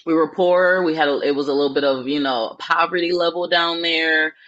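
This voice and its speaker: A woman from New Orleans, a spiritual life coach, telling her life story in an earnest, reflective way with many pauses and ums. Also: low voice, steady tone, a bit bright, dry recording, muffled recording. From New Orleans, Louisiana. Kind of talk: personal storytelling in an interview.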